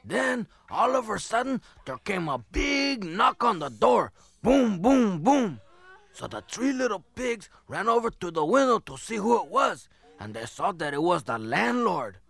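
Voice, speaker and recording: Male stand-up storyteller, deadpan and rambling; bright, raspy. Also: high-pitched, normal speed. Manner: rambling deadpan tall-tale telling. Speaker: comedian. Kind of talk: comic storytelling routine.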